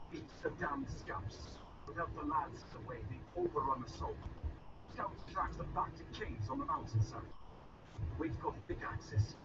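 Gravelly army sergeant. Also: male voice, mid-range voice. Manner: brisk, commanding. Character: gruff male army sergeant commanding scouts. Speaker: game character. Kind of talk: video game voice acting. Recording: muffled distant game audio, loud noise.

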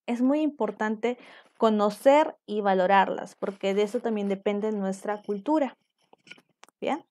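With a warm tone and a pitch on the high side, this young Peruvian woman explains material in an online class. She keeps checking in, asking her students to confirm they follow.

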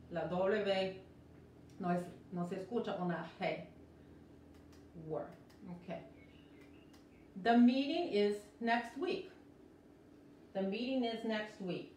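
A woman teaching a live-streamed English lesson, explaining slowly and repeating each word several times, with American English when she models words. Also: mid-range voice, a little mellow, slight background noise. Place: indoor room, live stream. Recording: roomy echo from a distant mic.

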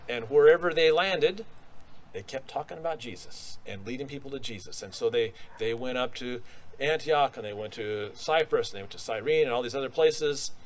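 A man's voice: mid-range voice, normal speed, a little hiss or hum. Middle-aged man preaching outdoors, conversational. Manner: conversational preaching with rhetorical questions and restarts. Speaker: pastor. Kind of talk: sermon. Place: outdoor church courtyard. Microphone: stand mic at lectern.

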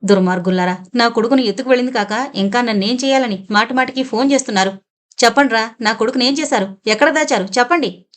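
A woman's voice: on the high side, fast talker, close to an everyday voice. Woman acting a frantic mother screaming accusations. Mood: hysterical. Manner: hysterical shouting. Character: frantic young mother shrieking at kidnappers.

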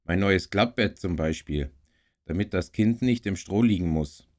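A stubborn, proud boy speaking firmly, as a man reads him in a storybook. The voice stays fairly low and gruff, slow and deliberate. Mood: earnest.

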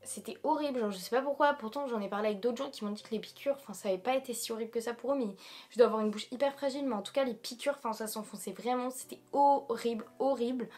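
A young woman with a French accent from France talks in a fairly high voice. She chats informally to the camera, rambling through her story with emphatic, slangy asides, like a vlogger in a small room. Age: young adult. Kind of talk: casual chat to camera, personal storytelling.

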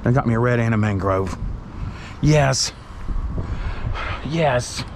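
Middle-aged guy fishing on a windy waterfront, excitable and folksy, action cam, wind and water noise all over. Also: medium pitch, takes it slowly. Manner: excitable, talks to camera and birds, folksy. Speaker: fishing vlogger. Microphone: action camera. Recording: outdoor wind and boat noise. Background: wind and water ambience.

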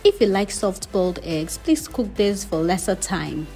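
A woman's voice: medium pitch, lively intonation, a little slow, mellow, faint music behind. Woman narrating a cooking tutorial. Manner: friendly, instructive, step-by-step. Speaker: cooking channel host. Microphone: voice-over, not recorded on camera.

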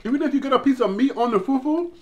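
A man's voice: extremely high pitch, very fast, lo-fi sound. A middle-aged man hosting a family eating video, rambling and explaining dishes to viewers. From Liberia. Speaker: cooking channel host. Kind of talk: casual family mukbang chat.

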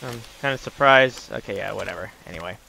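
A game streamer mutters and thinks aloud in casual gameplay commentary, his lowish voice fast, bright, forceful, and creaky with vocal fry. The audio quality is poor, with faint background noise and clicking.

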